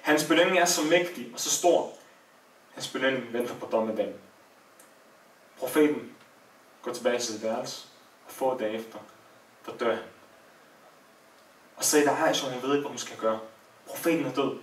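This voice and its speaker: A man's voice: medium pitch, pauses often, a little hiss or hum. Guy giving a sermon, emotional storytelling, mic far away, big echoey room. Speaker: preacher.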